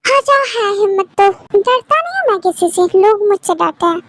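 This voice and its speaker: Woman voicing a bossy young professor, very high voice. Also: sing-song, moderate pace. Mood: boastful. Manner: bossy, boastful. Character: arrogant young male professor, teasing. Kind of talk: fan drama voiceover.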